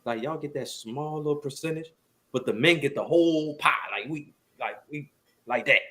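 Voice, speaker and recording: Man, podcast co-host, casual talk, bright forceful tone, animated, emphatic questions. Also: fairly high pitch, normal speed.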